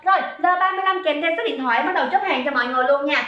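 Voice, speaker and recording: A woman hosting a livestream sales pitch, chatty and teasing as she reads out viewers' comments. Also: very fast. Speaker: livestream seller. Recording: echoey room, dull sound.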